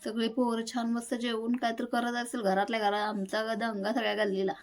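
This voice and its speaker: Young mum vlogger, slightly high voice, chatty home talk straight to camera on a phone. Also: female voice, monotone, brisk, poor audio. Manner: chatty, homely, talks straight to viewers. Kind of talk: casual home vlog chat. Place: home, indoors. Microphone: phone held at hand.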